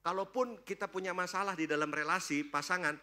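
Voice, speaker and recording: A man preaching a sermon at a church service, lively and joking, constantly throwing questions at the congregation. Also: high voice, brisk. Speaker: pastor.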